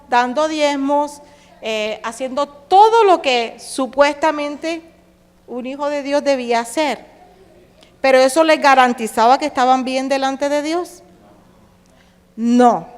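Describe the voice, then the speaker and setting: A woman pastor with a Caribbean Spanish accent preaching a sermon, asking her congregation questions and slipping into sarcastic quoted voices. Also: high voice. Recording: long hall reverb.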